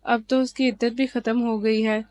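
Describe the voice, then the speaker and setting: A woman reading as a gentle persuasive uncle. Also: on the high side, level tone, no room sound, natural voice. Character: reassuring older man, an uncle.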